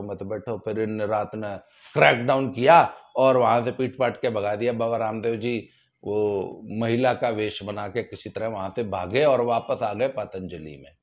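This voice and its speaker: Guy ranting folksy and sarcastic, middle-pitched voice, kinda muffled lo-fi audio. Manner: folksy, sarcastic, rises loudly for emphasis. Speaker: political commentator. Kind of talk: casual spoken commentary.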